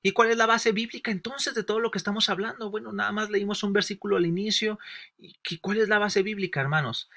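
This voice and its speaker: A man's voice: high voice, fairly even intonation, fast talker, vocal fry, bright, forceful tone. A man teaching a Bible lesson for new believers. He explains with everyday examples, asks rhetorical questions and often addresses his listeners as brothers and sisters. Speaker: Sunday school teacher.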